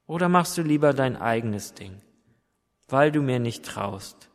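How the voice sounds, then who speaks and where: A man voicing Jesus as a gentle grown man who asks soft, pleading questions. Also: mid-range voice, lively intonation, measured pace, natural voice. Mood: tender. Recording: long hall reverb.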